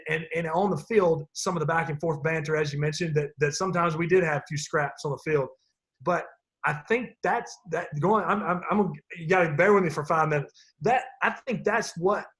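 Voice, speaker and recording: A middle-aged man talks through old memories over a video call, his voice sitting a little high for a man. He wanders, restarts sentences and keeps chuckling as he goes. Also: a bit bright. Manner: rambling, many restarts, chuckles often. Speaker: former player on a team reunion call. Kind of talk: casual reminiscing.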